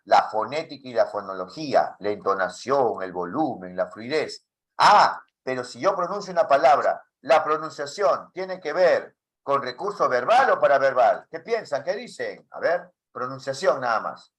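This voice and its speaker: A man teaching a class for teachers, asking many questions in a lively way. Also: mid-range voice, normal speed. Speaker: teacher trainer.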